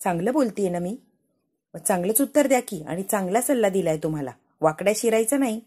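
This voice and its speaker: A woman voicing a calm, gentle young woman who speaks patiently. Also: mid-range voice, fast talker, husky. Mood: gently teasing.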